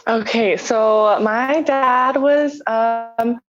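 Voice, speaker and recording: Young woman guest, hesitant, lots of ums, muffled lo-fi sound. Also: on the high side. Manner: hesitant, many ums, slow and thoughtful. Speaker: podcast guest. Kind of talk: casual interview.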